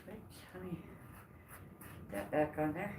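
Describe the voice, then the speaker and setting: A woman's voice: sits low, big pitch swings, measured pace. A woman chatting to her viewers while she works in her workshop, breathing hard from the effort. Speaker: woodcarving vlogger. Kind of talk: casual chat while working. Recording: roomy workshop sound, mic at a distance, noisy.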